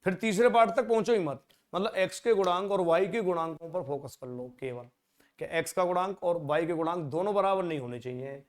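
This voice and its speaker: Chatty maths teacher, slightly high voice. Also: male voice, brisk. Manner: conversational, rhetorical questions, drops to a low mutter when working. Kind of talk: exam-prep maths lesson.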